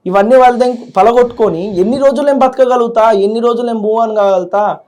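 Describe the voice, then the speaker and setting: A man's voice: very high-pitched, fast, a little mellow. A young man, a student leader speaking in an interview with heartfelt feeling and often repeating his words. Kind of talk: emotional interview.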